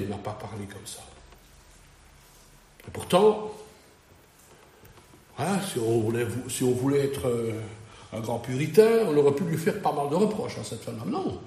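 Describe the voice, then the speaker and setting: A man's voice: mid-range voice, darkish tone, echoey room, recorded from a distance. A man preaching a sermon, reading a Bible passage and then talking it over in a conversational way with rhetorical questions.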